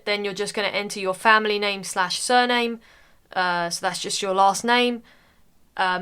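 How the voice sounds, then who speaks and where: Talking casually through an online form, this young woman from the UK narrates a screen-recording walkthrough, often saying "uh." She has a medium-pitched, clean voice that comes across pushed and bright.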